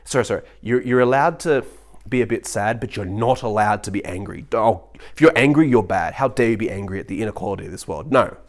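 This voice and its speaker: Animated, rambling young-sounding man. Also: fairly low pitch. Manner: animated, quick-talking, many restarts; mock voices when quoting others. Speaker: vlogger. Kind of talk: rambling monologue.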